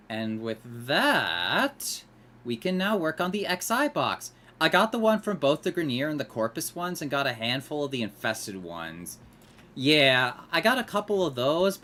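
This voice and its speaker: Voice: mid-range voice, big pitch swings, measured pace, sharp tone. A gamer giving casual commentary over gameplay and muttering while playing.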